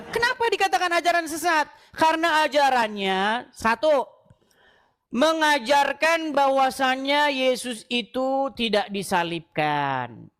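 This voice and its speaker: Teasing high-voiced woman host. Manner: teasing, laughing, calmly provocative. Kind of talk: livestream debate and commentary.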